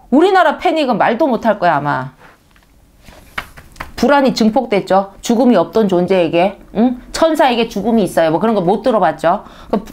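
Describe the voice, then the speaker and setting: A woman delivers a sermon as if chatting with her congregation, asking rhetorical questions and answering them herself. Her voice sits at a middling pitch but swings widely for emphasis. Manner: conversational, asks listeners rhetorical questions; animated, pitch leaps for emphasis. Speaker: preacher.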